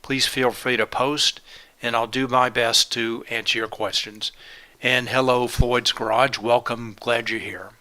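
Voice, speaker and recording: A man presents a live trading webinar a little slowly, his mid-range voice flat in delivery but bright and forceful. He moves methodically through the steps, listing items without embellishment. He's congested and sore-throated from a cold.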